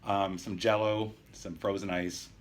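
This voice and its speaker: Casting: man, early 50s, low register, earnest patient vlogger, measured and halting delivery, faint background noise. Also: little pitch movement. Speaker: patient sharing his surgery experience. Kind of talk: casual video diary, explanatory. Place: private hospital room.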